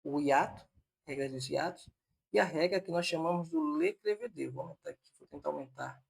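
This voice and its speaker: A man's voice: fairly high pitch, expressive, fairly quick, gravelly, breathy edge. A man teaching a Portuguese grammar lesson online for exam prep, explaining step by step and repeating points on purpose so they stick.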